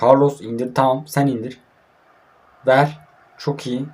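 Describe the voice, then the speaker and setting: A man's voice: medium pitch, little pitch movement, measured pace, a little mellow. A young man from Turkey giving casual, frustrated commentary while playing a mobile football game, grumbling and swearing often.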